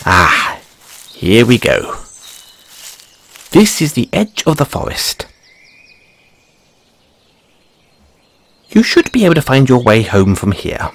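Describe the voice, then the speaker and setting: Guy doing a fussy curious rabbit boy for fantasy roleplay, super swoopy pitch, husky, polite and stammery. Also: huge pitch swings, unhurried, long pauses, heavily acted. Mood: pondering, gentle. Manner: flustered stammering, ornate courteous phrasing. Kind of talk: audio roleplay addressed to the listener.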